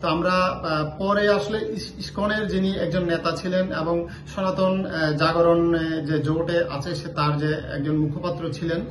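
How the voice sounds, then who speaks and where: A man giving a live news report on a court case, pausing often with filler sounds. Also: fairly high pitch, steady tone, echoey room. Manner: halting, many filler sounds.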